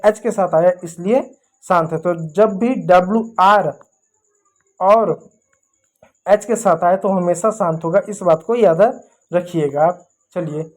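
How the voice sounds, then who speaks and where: A woman's voice: fairly low pitch, darkish tone. A woman teaching English spelling rules, patiently repeating each point and spelling words out letter by letter.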